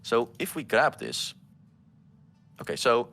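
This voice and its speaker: A man who develops games, giving casual commentary over gameplay with many pauses and restarts. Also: mid-range voice, big pitch swings, vocal fry, fairly bright tone. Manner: halting, full of ums and restarts. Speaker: game developer co-hosting a gameplay stream.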